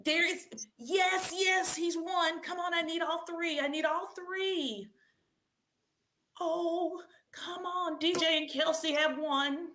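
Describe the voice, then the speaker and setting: A woman with a very high-pitched voice speaks slowly as she hosts a live read-aloud quiz for children. Animated and encouraging, she calls out to participants and repeats the questions.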